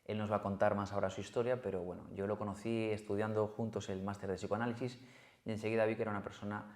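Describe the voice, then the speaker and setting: A man with a Spain accent hosting an interview podcast, introducing his guest in quick patter with fillers. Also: fairly low pitch, level tone, a little mellow. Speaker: podcast host. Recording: echoey room.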